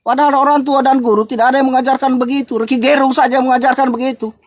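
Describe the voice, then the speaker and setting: Older man from Indonesia, very high pitch, preachy angry rant. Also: flat delivery, fast. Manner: scolding, repetitive, preachy.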